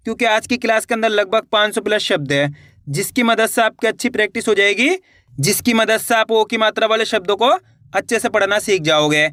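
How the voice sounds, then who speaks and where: A man teaching a beginner reading lesson, sounding out words slowly syllable by syllable and talking directly to his viewers. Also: high-pitched, bright, forceful tone, no echo, clean studio sound. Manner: slow syllable-by-syllable spelling, addresses viewers as friends. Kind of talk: video lesson.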